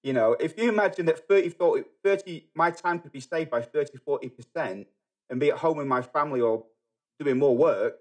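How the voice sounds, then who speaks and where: A middle-aged man from England with a Manchester accent, talking as a podcast guest in a halting way, full of fillers and restarts. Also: on the high side. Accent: Manchester English. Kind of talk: casual podcast conversation.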